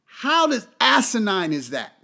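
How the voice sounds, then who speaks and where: A man's voice: high-pitched, wildly swooping pitch, unhurried, gravelly, sharp tone. A man hosting a podcast, delivering an impassioned, profane monologue and repeating key phrases for emphasis. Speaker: podcast host.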